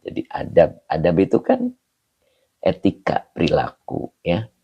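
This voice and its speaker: A man with a very deep, gravelly voice gives an unhurried livestream lesson on an Islamic text. His delivery is slow and husky, with a slight hoarseness, yet his pitch moves a lot as he stresses Arabic terms. He breaks off to greet viewers from the comments. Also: huge pitch swings, muffled recording. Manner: explains Arabic words slowly, then greets viewers from the comments. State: slightly hoarse, clears throat. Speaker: Islamic teacher.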